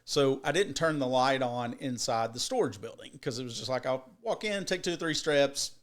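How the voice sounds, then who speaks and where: Animated swearing man telling a story. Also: mid-range voice, moderate pace. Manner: animated, profane, rambling with restarts. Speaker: podcast co-host. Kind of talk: casual storytelling.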